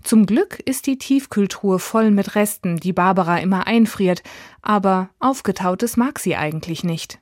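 A woman presenting an audiobook in calm, measured scripted narration. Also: medium pitch, no room sound, clean studio sound.

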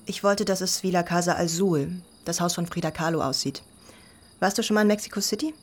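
An actress voicing a spiritual teenage girl, the youngest sister, who turns defensive and flares up quickly in a dubbed drama. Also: lowish voice, close to an everyday voice. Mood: guarded.

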